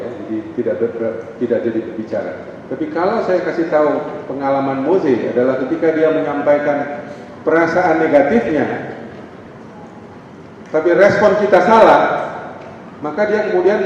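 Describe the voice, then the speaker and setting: A man's voice: fairly high pitch, a little hiss or hum. Man lecturing in echoey hall. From North Sumatra (Batak). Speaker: pastor and family counselor. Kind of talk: seminar talk. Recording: echoey hall, distant dull mic.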